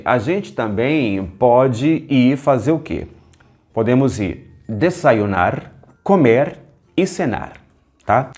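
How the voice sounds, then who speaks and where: A man teaching an online language lesson, speaking slowly and clearly and saying each word twice. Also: medium pitch, a little mellow. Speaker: Spanish teacher.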